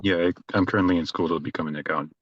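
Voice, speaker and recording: A man in his twenties calling into a dating show, speaking hesitantly with frequent pauses. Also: low-pitched, steady tone, slightly rough, no echo, lo-fi sound. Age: 20s. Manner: hesitant, lots of uh. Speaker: caller.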